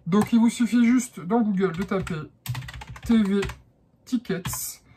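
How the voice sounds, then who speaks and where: A man's voice: high-pitched, slow, dark tone, a little hiss or hum. A man from France with a French accent, explaining a how-to in a hesitant vlog style with many fillers. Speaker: vlogger.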